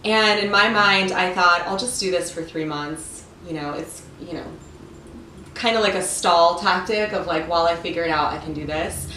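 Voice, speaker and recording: A woman from Ukraine talking as a guest in a relaxed chat, easygoing and thoughtful, with loose asides. Her voice sits a bit low and sounds set back from the mic in an echoey room. A faint hiss runs under it. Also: normal speed, distant mic. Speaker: guest, TV producer. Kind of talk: casual chat. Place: friend's home.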